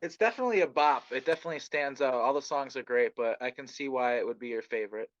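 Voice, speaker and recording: A man's voice: medium pitch, fast, lo-fi sound, slight background noise. A man hosting a podcast, asking questions in an upbeat, friendly casual interview. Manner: upbeat, friendly, hype intro. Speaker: podcast host.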